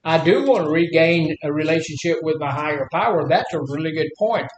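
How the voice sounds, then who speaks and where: An older Southern man from Mississippi teaches a group in a folksy, repetitive way, with a fairly high-pitched voice. He speaks in an echoey room with faint noise behind him. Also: expressive, brisk, muffled recording. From Mississippi, United States. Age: 70s. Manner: folksy, repeats phrases, asks rhetorical questions. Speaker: group leader giving a spirituality talk. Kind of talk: informal teaching talk to a group.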